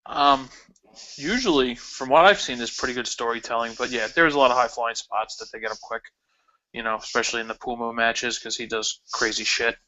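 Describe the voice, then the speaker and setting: A man with a bright, sharp voice chimes into podcast chatter with quick questions and short asides. The audio is dull and lo-fi. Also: medium pitch, fairly even intonation. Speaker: podcast co-host. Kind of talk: casual podcast chat.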